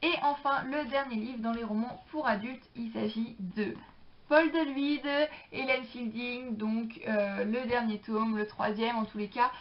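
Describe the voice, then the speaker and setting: A woman's voice: on the high side, fairly even intonation, a little slow. A young woman chatting casually about books she borrowed, with many hesitations and fillers. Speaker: book vlogger. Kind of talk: casual book haul chat. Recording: dull lo-fi sound.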